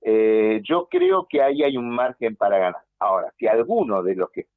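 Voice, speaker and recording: A man's voice: on the low side, moderate pace, dry recording. Argentine man on a tinny phone line. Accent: Argentine Spanish. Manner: animated, analytical, emphatic. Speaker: political consultant guest. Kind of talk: radio interview by phone.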